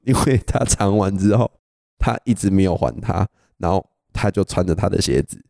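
A young man with a Taiwanese Mandarin accent, co-hosting a podcast and telling stories in a lively casual way, laughing often. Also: deep voice, normal speed, vocal fry, dry recording, studio quality. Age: young adult. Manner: animated storyteller, laughs often. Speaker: podcast co-host. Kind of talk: casual storytelling chat.

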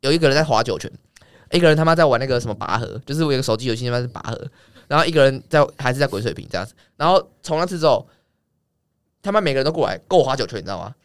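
The guest is a young man with a medium-pitched, clean-toned voice who tells an animated story at a rapid clip, swearing freely in a casual chat. The recording is studio quality with no room sound.

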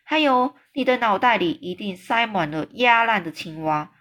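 A woman voicing a big friendly male giant who exclaims and stretches his words out slowly. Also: medium pitch, lively intonation, a bit bright, close to an everyday voice. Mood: excited. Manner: exclaiming, drawn-out slow emphatic phrasing.

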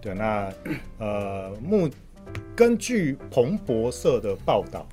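A man's voice: fairly low pitch, big pitch swings, warm tone. Taiwanese-accented man chatting over guitar music. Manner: halting, repeats short agreement words rapidly. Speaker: guest market commentator. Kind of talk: casual podcast chat. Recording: music playing under the talk.

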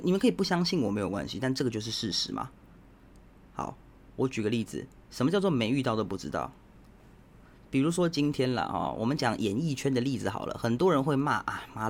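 A man's voice: mid-range voice, a little hiss or hum. A man with a Taiwanese Mandarin accent, hosting a podcast as a casual opinion monologue, blunt and provocative as he lectures his listeners directly. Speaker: podcast host.

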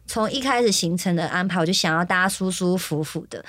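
A woman's voice: on the low side, quick pace, no room sound. A Taiwanese woman hosting a podcast, telling a travel story in casual chat with a Taiwanese Mandarin accent and acting out the dialogue. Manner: animated storyteller who acts out quoted dialogue. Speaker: podcast host. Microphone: studio microphone.

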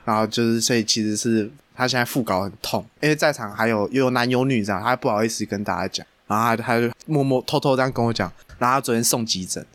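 A man co-hosting a casual podcast chat, laughing often and swinging between hushed and excited delivery. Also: medium pitch, fast, few pauses, no echo. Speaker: podcast co-host.

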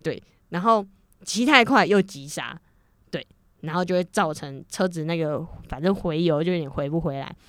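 A woman's voice: low voice, normal speed, dry recording, studio quality. A young woman with a Taiwanese Mandarin accent chatting casually on a podcast, acting out both sides of an argument and laughing often. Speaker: podcast co-host. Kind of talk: casual chat.

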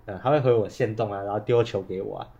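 A man's voice: on the low side, steady tone, fast, gravelly, noisy background. A man with a Taiwanese Mandarin accent co-hosts a casual podcast chat, muffled by a face mask and stuffed up with a cold and cough. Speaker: podcast co-host.

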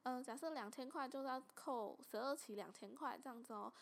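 A woman voicing a pushy, impatient male phone scammer who talks fast and insists. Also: high-pitched, gravelly. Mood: insistent.

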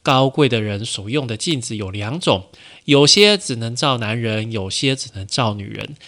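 A man voicing a gentle young woman who is secretly a ladybug spirit, in a storytelling podcast. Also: medium pitch, animated, moderate pace. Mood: teasing.

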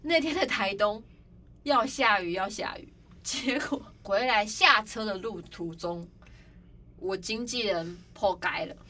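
A young woman hosting a podcast, telling stories in a casual, animated way and acting out other people's cries. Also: medium pitch, measured pace. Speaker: podcast host. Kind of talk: casual storytelling chat. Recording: slightly distant mic, faint background noise.

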